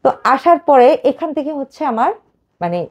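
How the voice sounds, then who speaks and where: A woman in her thirties tells her own life story to a host, fast and emotional, with many fillers. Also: sits high, very animated, darkish tone. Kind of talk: personal life story told to a radio host.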